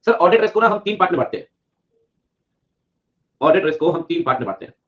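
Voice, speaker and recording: Fast-talking man teaching a class. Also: high-pitched, animated, a bit bright. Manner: chatty Hindi-English teaching, repeats key points, jokes with students. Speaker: CA exam teacher. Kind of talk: live online class lecture. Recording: dull lo-fi audio.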